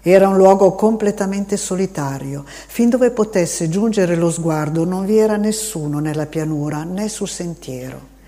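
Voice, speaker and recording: A steady narrator reading a classic novel aloud at an even, measured pace. The delivery stays calm and quiet between the scenes with dialogue, with a voice of middling pitch. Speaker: audiobook narrator. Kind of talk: scripted literary narration.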